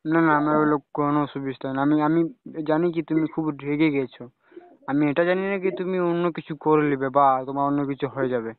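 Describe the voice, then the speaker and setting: On a private call with his romantic partner, a young man talks fast and casually in a steady, somewhat high voice, often checking in with brief question tags. There's no echo, and the phone recording sounds dull and lo-fi.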